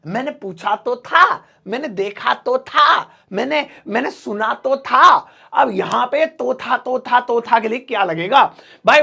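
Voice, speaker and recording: A man with a high, gravelly voice teaches English sentence patterns in a loose, chatty way. He jokes between drills and slows right down to repeat each example. The sound is close and direct. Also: fairly bright tone. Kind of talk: casual Hindi English lesson.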